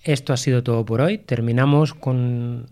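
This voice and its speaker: Male radio host, relaxed, jokey, loses the thread now and then. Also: medium pitch, moderate pace. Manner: jokey, rambling, loses his train of thought. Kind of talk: casual chat.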